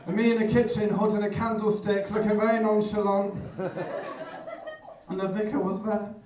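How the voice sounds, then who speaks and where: A man performing live stand-up comedy, delivering deadpan one-liners and leading the audience in call-and-response. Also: high voice, moderate pace. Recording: roomy live room, far from mic, crowd noise.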